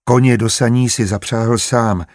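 A man reading a historical novel aloud in an even, measured narration. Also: mid-range voice, dry recording, clean studio sound. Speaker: audiobook narrator. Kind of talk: scripted narration.

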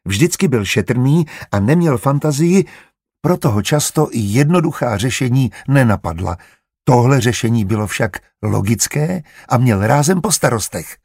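A man reading a historical novel aloud as narrator, steady and measured. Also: mid-range voice, slightly rough, no echo, studio quality. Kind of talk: audiobook narration.

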